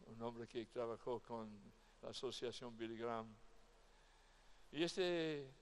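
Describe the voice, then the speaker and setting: Brief: male pastor, convention sermon, emotional, swings from loud to hushed, slow and gravelly. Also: medium pitch. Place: convention event.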